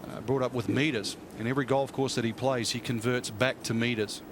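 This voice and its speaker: A man's voice: mid-range voice, steady tone, fairly quick. A man giving conversational commentary on a golf tournament as a commentator. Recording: outdoor broadcast, clear ambient noise.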